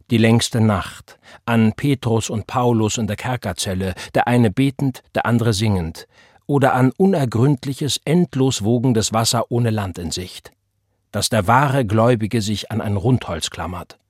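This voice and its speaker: This audiobook narrator, a man with a mid-range voice, reads a novel aloud in calm, measured scripted narration. The recording is dry and of studio quality.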